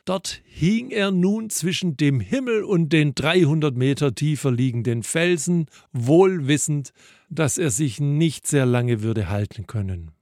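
Male preacher, slow measured delivery, dry close sound, thoughtful. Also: fairly high pitch, lively intonation, darkish tone, dry recording. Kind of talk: devotional reflection.

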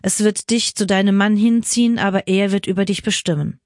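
A woman's voice: medium pitch, fairly even intonation, fairly quick, darkish tone, dry recording, studio quality, natural voice. A woman reading the words of a stern God passing judgment, in a solemn, grave manner.

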